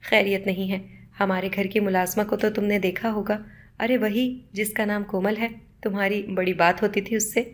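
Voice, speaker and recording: Woman doing an angry young guy in a story, harsh and accusing, mid pitch. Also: level tone, close to an everyday voice. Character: angry young man hunting a runaway maid.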